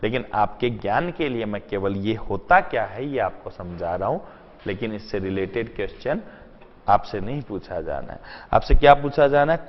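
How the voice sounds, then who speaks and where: A man teaching an exam-prep lesson, asking rhetorical questions and answering them himself, mixing in English terms. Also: fairly low pitch. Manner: mixes in English terms and sentences. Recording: dull lo-fi sound in a long-reverb room.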